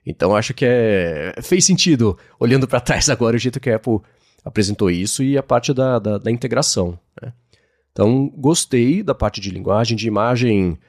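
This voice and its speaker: A Brazilian man co-hosting a tech chat, walking through ideas with lots of asides and restarts. His voice rises and falls in a lively way. It sounds close and dry, with no room around it. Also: mid-range voice, normal speed, no room sound. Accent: Brazilian Portuguese. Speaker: tech podcast co-host. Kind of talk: casual chat.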